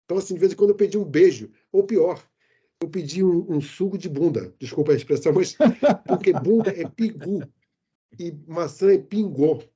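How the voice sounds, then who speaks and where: An older Brazilian man with a Brazilian Portuguese accent, a podcast guest who tells stories in a lively way, with frequent restarts and fillers. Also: on the high side, moderate pace, husky. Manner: animated storyteller, many restarts and fillers. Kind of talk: casual interview chat. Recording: dull lo-fi remote podcast audio.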